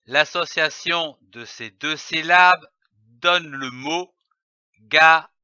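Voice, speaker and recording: A man teaching early reading, slowly sounding out and spelling letters and syllables one by one. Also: on the high side, sharp tone, clean tone, dry recording. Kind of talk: slow instructional reading lesson. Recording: dull lo-fi dry recording.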